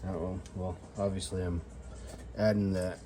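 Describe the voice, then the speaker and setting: Low-voiced tipsy man rambling casually. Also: level tone, normal speed, background noise. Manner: self-deprecating, salty-tongued; tipsy, loose drinking talk. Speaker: outdoor vlogger demonstrating fire starting. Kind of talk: casual rambling chat while doing a task.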